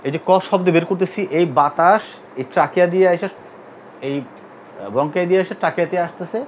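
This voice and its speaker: A man's voice: high-pitched, a little hiss or hum. A man from Bangladesh teaching an anatomy class, who quizzes his students by asking them to repeat terms back. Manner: drills students with repeated questions. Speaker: physiotherapy teacher. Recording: dull lo-fi recording.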